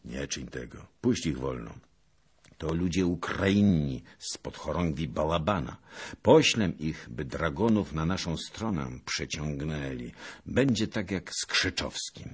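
A man voicing a wrathful, cunning Cossack commander in an audiobook reading, speaking loud and forceful. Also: rumbling low, lively intonation, a little slow, breathy edge, heavily acted. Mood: persuasive.

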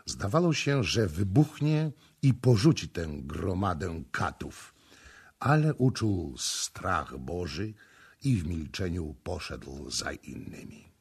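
A man reading a historical novel aloud as an audiobook narrator, with dramatic, measured storytelling. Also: low voice, big pitch swings, creaky, darkish tone, slightly rough. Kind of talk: scripted narration.

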